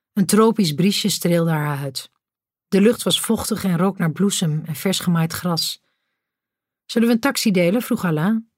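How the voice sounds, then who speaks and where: An audiobook narrator reading a romantic story in a measured storytelling manner. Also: mid-range voice, dry recording, clean studio sound. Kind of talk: scripted narration.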